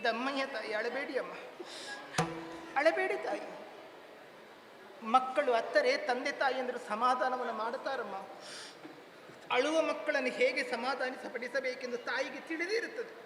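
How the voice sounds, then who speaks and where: Gentle devoted young queen played by a male actor, tearful ornate declamation, live hall with crowd noise. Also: very high voice, normal speed, long pauses. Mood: pleading. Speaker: stage actor in a female role. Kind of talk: Yakshagana theatre dialogue. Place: temple stage, live performance. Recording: echoey hall, noisy live ambience.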